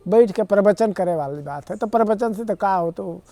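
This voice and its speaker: A man's voice: sits high, moderate pace, warm tone, no room sound. A man with an Awadhi accent, a guest in a TV interview, arguing his points earnestly in long rambling explanations. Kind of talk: conversational interview.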